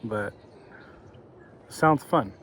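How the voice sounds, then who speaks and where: A laid-back Californian man vlogs outdoors by a lake as a fishing vlogger, narrating casually in a lowish voice at a very slow pace. He sounds relaxed, thinks aloud, and chuckles. Faint outdoor noise can be heard.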